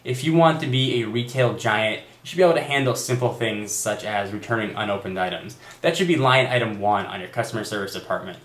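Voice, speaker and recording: A man's voice: lowish voice, a little fast, few pauses, fairly bright tone. A young man vlogging a direct-to-camera rant, telling an exasperated story and quoting phone agents in a raised voice. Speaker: tech vlogger. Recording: echoey room.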